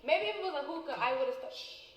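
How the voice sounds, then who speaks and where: A woman's voice: high-pitched, lively intonation, a little fast. A woman on a reality show, laughing off accusations in a giggly, defensive way, recorded in a house. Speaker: reality show cast member. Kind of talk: reality TV confessional banter. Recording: roomy, reverberant, distant house audio from a show.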